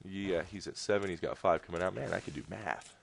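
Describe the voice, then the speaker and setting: A game caster rambles casually through a strategy game replay, throwing in jokey asides. His voice is low and creaky, and he talks briskly.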